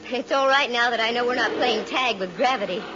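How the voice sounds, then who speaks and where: An American actress playing a sharp-witted, wisecracking woman private detective in old radio drama style, wry and breezy. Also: a little high, a little fast, background noise, natural voice. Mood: wry, game. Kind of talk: 1940s-50s radio detective acting, first-person narration. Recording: muffled vintage radio recording with music.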